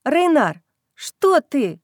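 An earnest young heroine speaks in a fairly high voice, as the woman reading the book plays her. She sounds wry and heartfelt, and the sound is close and dry. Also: sing-song, drawn-out words, no echo, exaggerated voice. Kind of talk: audiobook reading.

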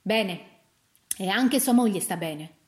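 A woman voicing a brisk, firm male doctor who reassures people in a storybook reading. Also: medium pitch, expressive.

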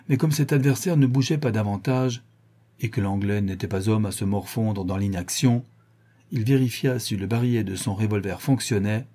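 A man narrating an audiobook in a measured, even reading. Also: lowish voice, breathy edge.

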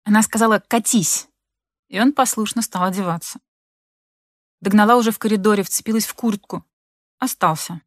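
A woman narrating a literary audiobook in an expressive, measured manner. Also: mid-range voice, dry recording, studio quality.

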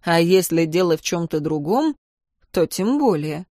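A woman narrating a first-person audiobook in a lively, expressive way. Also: lowish voice, a little slow, dry recording. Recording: dry close recording.

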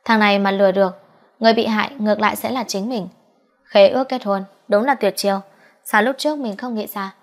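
A woman's voice: medium pitch, steady tone, a little fast, close to an everyday voice. Woman reading as a snarky hotheaded guy about thirty, teasing and exasperated, audiobook. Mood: indignant. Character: mocking, hot-tempered man around thirty.

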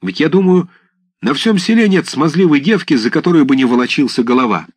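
Burly young reveller, boisterous, rabble-rousing, high and lively, read by a man. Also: fairly quick, breathy edge, dry recording. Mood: rowdy.

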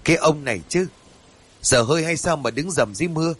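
A man voicing a village chief's middle-aged wife who scolds and nags her husband briskly, in a storybook reading. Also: medium pitch, close to an everyday voice. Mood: scolding.

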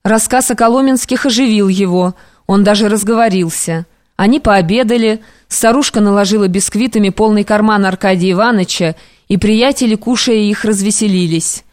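A woman narrating classic prose for an audiobook in a measured, even manner. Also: medium pitch, no room sound, studio quality.

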